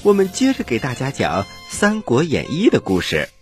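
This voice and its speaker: A man hosting and telling stories for children in an expressive, dramatic style, addressing his young listeners directly. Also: medium pitch, moderate pace, soft background music. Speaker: children's storyteller and show host.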